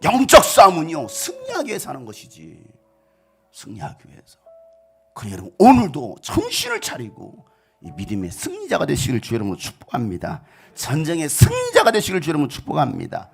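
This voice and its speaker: A middle-aged male pastor giving an animated storytelling sermon, swinging from shouts to hushed asides. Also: fairly high pitch, brisk, gravelly, slightly rough, faint music behind.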